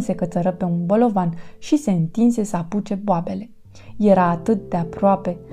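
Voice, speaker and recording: A woman reading a children's storybook aloud as narrator, in an expressive, lively storytelling manner. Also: mid-range voice.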